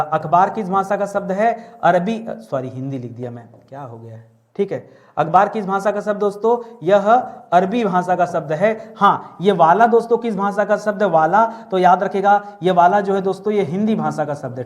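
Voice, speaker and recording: High-voiced man teaching Hindi grammar. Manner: lively, drills words by repetition, jokes with students. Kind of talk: online class lecture.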